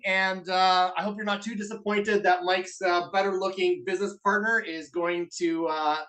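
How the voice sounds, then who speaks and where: A man with a Canadian accent hosts a live online masterclass, upbeat and chatty with lots of filler uhs. He's a webinar host and business co-owner, and his high, slightly bright voice comes through a video call mic from a distance.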